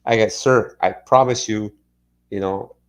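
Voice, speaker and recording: A man's voice: lowish voice, steady tone, measured pace. Man, translating in his head. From Montreal, Canada. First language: French. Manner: translates in his head, searching for English words, slipping into French. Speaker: guest telling personal memories. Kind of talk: animated storytelling with acted-out dialogue.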